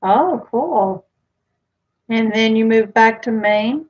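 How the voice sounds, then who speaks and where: Speaking slowly in a voice on the high side, a woman in her forties from the United States responds to viewers' comments one after another during a casual home livestream. She sits in a small indoor room, and her webcam's built-in mic yields slightly dull, lo-fi audio.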